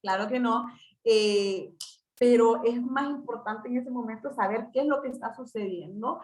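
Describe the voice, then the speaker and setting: Woman, fairly high voice, chatty workshop talk, echoey room. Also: normal speed, darkish tone. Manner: conversational, many fillers and repeated words, acts out parent-child dialogue. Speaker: school parenting workshop speaker. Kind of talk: informal talk to parents.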